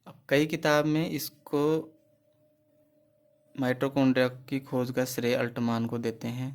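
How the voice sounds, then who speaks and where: A man's voice: medium pitch, flat delivery, a little slow. A man teaching a biology class for exam preparation. He asks questions, answers them himself and repeats key terms. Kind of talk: exam-prep lecture.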